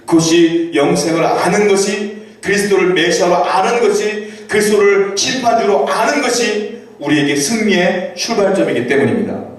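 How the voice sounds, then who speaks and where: A male pastor preaching a sermon in a conversational way, asking his congregation rhetorical questions and reading scripture aloud slowly. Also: sits high. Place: church sanctuary. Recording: echoey church hall from a distant mic.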